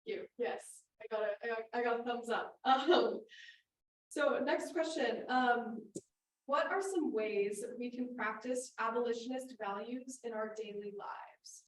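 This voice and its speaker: Higher-voiced woman moderator, distant and echoey. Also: unhurried. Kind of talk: reading audience questions. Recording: distant, roomy with faint background noise.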